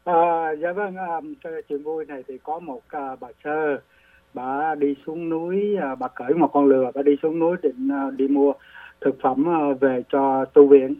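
A man on a dry, phone-like line rambles through a funny story, full of fillers. His voice sits high for a man, and he slips into little character voices as he goes. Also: fairly even intonation, normal speed, no echo. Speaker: radio show guest telling jokes. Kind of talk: casual joke telling on call-in radio. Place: at home with a radio playing behind. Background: radio faintly heard.

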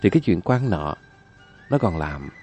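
A man's voice: deep voice, big pitch swings, moderate pace, darkish tone, faint music behind. A man telling folk tales on a radio program, chatty and addressing the listeners directly. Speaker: radio storyteller. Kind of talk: folk-tale storytelling.

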